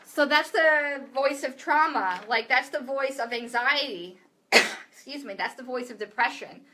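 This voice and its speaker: A woman's voice: on the high side, moderate pace, heavy background noise. A woman mentor talking casually to camera, candid and profane, full of filler likes. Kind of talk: casual direct-to-camera talk.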